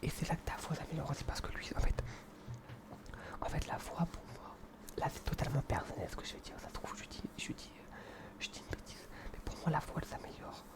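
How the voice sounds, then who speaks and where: A young man whispering in a hushed, breathy library whisper as he presents books in an informal, earnest, hesitant ASMR style. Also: fairly high pitch, animated, fairly quick.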